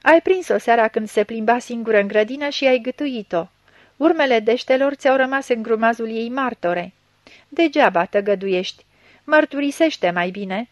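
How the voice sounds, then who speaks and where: A woman's voice: a little high, no echo, dull audio, natural voice. A woman reading a story aloud, voicing a stern male gendarme chief who barks accusing questions. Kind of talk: audiobook reading.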